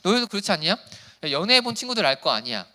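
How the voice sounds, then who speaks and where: A youth pastor giving a sermon to teenagers, casual, playful and slangy, who reads scripture quietly and then preaches animatedly. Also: male voice, sits high, big pitch swings, fast.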